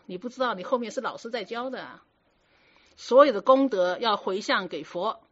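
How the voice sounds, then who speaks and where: Slightly high and fairly bright, this woman's voice carries a Buddhist dharma talk in which she firmly instructs her students. She speaks conversationally, posing rhetorical questions to the listeners as she explains, on a muffled, lo-fi recording.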